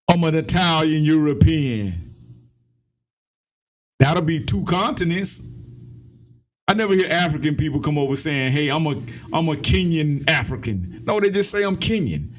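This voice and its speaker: A man delivers heated political commentary, impassioned and emphatic, his pitch climbing as he rants.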